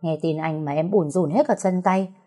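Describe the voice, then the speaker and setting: A woman voicing an excitable widowed aunt who talks in a gushing, dramatic way. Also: lowish voice, normal speed, soft background music, natural voice.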